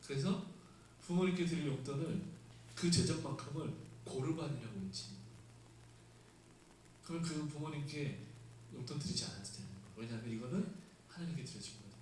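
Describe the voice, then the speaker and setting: A man's voice: mid-range voice, expressive, a little fast, long pauses, a little mellow. A male pastor giving a Sunday sermon and explaining scripture in a conversational way, with rhetorical questions. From South Korea. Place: church sanctuary. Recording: echoey room, mic at a distance, faint hiss.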